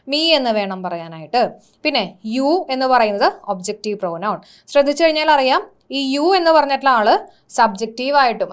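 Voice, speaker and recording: A woman with a Malayali accent teaching an exam-prep grammar lesson, asking questions and answering them herself while mixing English words into her explanations. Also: fairly high pitch. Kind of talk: classroom-style lesson.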